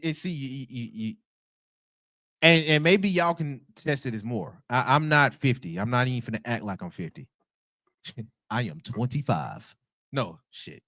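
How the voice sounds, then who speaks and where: A man in his twenties giving casual, animated commentary on a livestream, slangy and quick to laugh. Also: medium pitch, dry recording, clean studio sound. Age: 20s. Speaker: livestream host.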